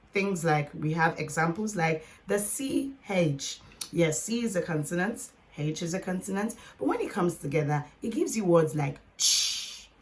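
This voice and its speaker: A woman teaching a phonics lesson, patiently sounding out words letter by letter and talking straight to her learners. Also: fairly low pitch.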